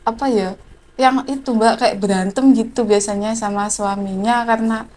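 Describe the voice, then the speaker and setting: A woman's voice: fairly high pitch, fairly even intonation, moderate pace, a little mellow. A young woman chats with an interviewer. She hesitates often, leaning on fillers as she talks. A faint outdoor hum sits behind her voice. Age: 20s. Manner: hesitant, filler-heavy chatty talk. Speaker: villager interviewed. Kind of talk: casual interview answers.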